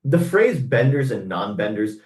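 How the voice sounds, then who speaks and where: A man's voice: mid-range voice, big pitch swings, measured pace, darkish tone. Thoughtful man, echoey and distant. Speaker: podcast co-host. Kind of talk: casual discussion. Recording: echoey room, far from mic.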